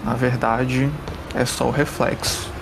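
A man co-hosting a podcast, telling a ghost story in a slow, suspenseful way. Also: mid-range voice, flat delivery, vocal fry, noisy background. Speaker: podcast co-host.

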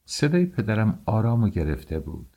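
A man narrating an audiobook with steady storytelling. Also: fairly low pitch, creaky, lo-fi sound.

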